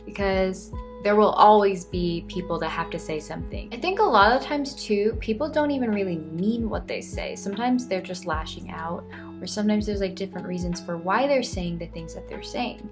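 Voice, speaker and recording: Woman, mid-twenties, vlogger; earnest reflective delivery, medium pitch, faint music bed. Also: lively intonation, normal speed. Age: 20s. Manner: earnest, soft-spoken, reflective. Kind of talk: reflective vlog monologue.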